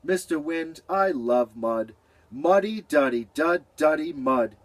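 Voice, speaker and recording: A man's voice: on the high side, expressive, measured pace, pitched above the performer's own voice. A man voicing a cheerful, hardworking male beaver who loves to sing, talking in a playful singsong way.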